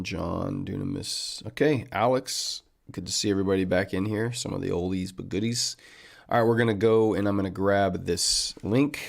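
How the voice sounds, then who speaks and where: A man's voice: deep voice, vocal fry. A man hosting a trading livestream, chatting casually and upbeat with viewers and calling them man and buddy.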